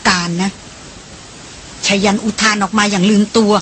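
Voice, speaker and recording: A woman narrating an audiobook in a steady, even manner. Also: mid-range voice, fast, slight background noise. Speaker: audiobook reader. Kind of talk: scripted narration.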